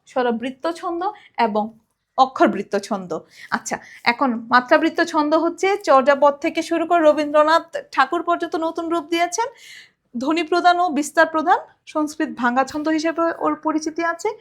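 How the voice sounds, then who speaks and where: A woman college lecturer from Bangladesh gives a recorded lesson in a high, bright voice. She explains step by step, poses questions and answers them herself, and recites short rhymes as examples. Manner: recites children's rhymes to show rhythm.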